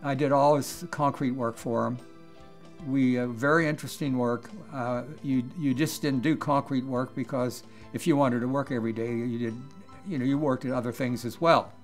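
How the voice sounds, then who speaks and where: A man in his eighties from Pennsylvania, recalling his working life in a soft, measured way in a documentary interview. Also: mid-range voice, steady tone, faint music behind. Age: 80s.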